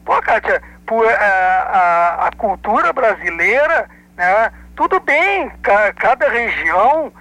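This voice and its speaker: A Gaúcho-accented man from Rio Grande do Sul, Brazil, calls in to a radio show for an opinionated chat, speaking hesitantly with many fillers and restarts. His voice is high-pitched, animated and slow, with a sharp tone; the recording is rough but has no echo.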